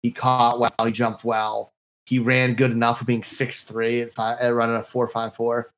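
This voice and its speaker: A man's voice: mid-range voice, monotone, normal speed, a bit bright. Enthusiastic slangy man on a sports podcast. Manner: enthusiastic, slangy, says "dude" and "like". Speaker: podcast co-host. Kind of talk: casual sports podcast chat.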